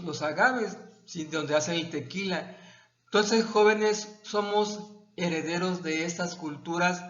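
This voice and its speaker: A male Mexican history teacher explaining a textbook lesson to his students, pausing and restarting his phrases. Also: on the high side, fairly bright tone. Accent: Mexican Spanish. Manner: halting, repeats words and restarts, addresses students as "jóvenes". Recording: echoey, dull lo-fi room sound.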